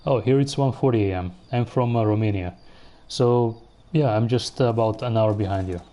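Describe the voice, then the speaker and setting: Speaking at a normal pace in a lowish voice, a man livestreams a video game, chatting casually and thinking aloud as he plays and replies to viewers' chat. His relaxed commentary carries a bit of background noise.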